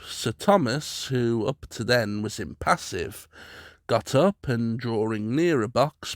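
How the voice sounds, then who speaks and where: A man reading a classic story aloud in a measured storytelling voice. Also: mid-range voice, vocal fry, no room sound, studio quality. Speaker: audiobook narrator. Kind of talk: scripted story narration.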